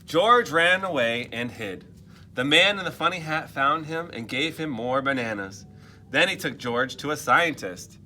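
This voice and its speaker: Slight background noise accompanies this man as he reads a picture book aloud to children, his slightly high voice sharp and full of lively intonation. He takes his time, reading expressively and tossing in muttered asides and questions.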